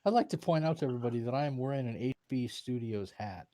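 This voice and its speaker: A man's voice: medium pitch, fast, warm tone, no echo. A man in his early fifties chatting casually as a live-stream co-host, jokey and playfully sarcastic. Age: early 50s. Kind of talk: casual joking chat.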